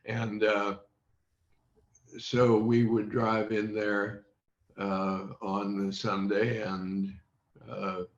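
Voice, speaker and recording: An older Midwestern American man, an interview guest, reminisces unscripted about his childhood with radio. His lowish voice has little pitch movement and moves very slowly and haltingly, often stopping mid-sentence as he searches his memory. The audio is dull and echoes around the room, like a video call.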